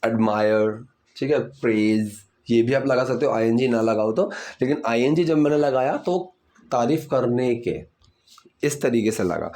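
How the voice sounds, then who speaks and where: A male English teacher walks through grammar in a lesson. His voice is mellow and warm and sits at an ordinary pitch. He pauses often to check in with the learner and draws out each example sentence slowly. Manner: keeps checking in with "theek hai".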